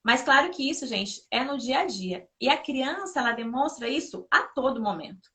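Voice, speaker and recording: Bright-voiced woman sharing parenting stories. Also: sits high, normal speed. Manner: lively anecdotal, often addresses listeners directly. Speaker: guest, mother. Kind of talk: casual conversational advice.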